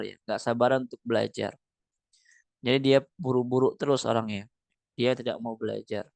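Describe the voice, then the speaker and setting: A man with a gravelly, medium-pitched voice and no room sound teaches an online Quran recitation class. He reads Arabic lines from a book and then explains them, using many fillers and rhetorical questions.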